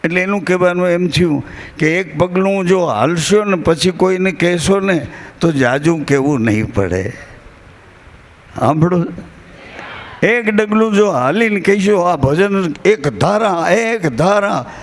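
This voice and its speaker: Man, rural Gujarati accent, devotional storyteller at a gathering; slow, unhurried, high-pitched, folksy delivery with quoted verses. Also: animated. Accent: Gujarati, rural Saurashtra. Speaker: bhajan singer and spiritual speaker. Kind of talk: devotional discourse to a live gathering.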